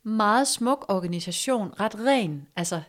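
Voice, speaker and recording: A woman calmly telling a personal story in a casual conversation, reflective and hesitant, with fillers and soft, hushed stretches. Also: medium pitch. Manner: reflective, hesitant with fillers, drops to soft near-whisper at moments.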